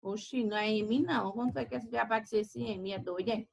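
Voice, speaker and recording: A woman teacher, slowly dictating words in a grammar lesson. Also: fairly high pitch, gravelly, a little hiss or hum, rough recording. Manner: slow, deliberate word-by-word dictation.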